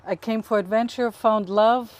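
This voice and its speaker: A woman's voice: on the high side, steady tone, moderate pace. Middle-aged German-accented woman, interview guest, upbeat and easy to laugh. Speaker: guest, nonprofit CEO. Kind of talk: interview answers.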